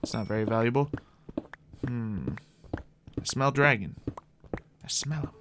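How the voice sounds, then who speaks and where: With an expressive, mid-range voice and an unhurried pace, a man hosts gameplay against a noisy background. He stays in a roleplay character, improvising playful commentary and thinking aloud to viewers.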